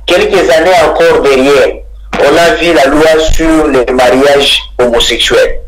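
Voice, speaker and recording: Being interviewed on electoral reform, this Congolese man with a Congolese French accent presses his opinions, repeating phrases to drive them home. He speaks unhurriedly in a slightly high voice, and the audio quality is poor.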